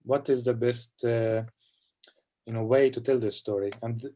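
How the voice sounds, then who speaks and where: A man from Palestine with a warm, dark voice that sits at a middle pitch. He talks over a video call at a festival Q&A, reflective and halting, often adding "you know". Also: steady tone, soft background music. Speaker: film director. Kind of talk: festival Q&A conversation.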